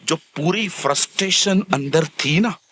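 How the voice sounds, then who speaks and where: A man preaching as a pastor in a church, animated and acting out little scenes of everyday people, slipping English words into his sermon. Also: fairly high pitch, a little slow, background noise. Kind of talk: lively sermon.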